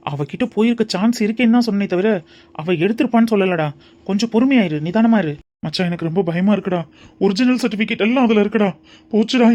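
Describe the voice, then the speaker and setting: A man performs anxious young men in a homely cartoon. One frets and pleads while the other soothes him. The voice runs high for a man. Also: lightly acted. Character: anxious young male friends, fretting. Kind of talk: cartoon voice acting.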